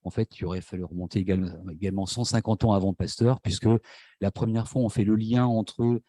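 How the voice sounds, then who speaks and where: A man's voice: fairly low pitch, steady tone, fairly quick, warm tone, no echo. A man with a French accent giving an academic conference talk, hesitant, with many fillers and restarts. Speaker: lecturer. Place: university lecture hall.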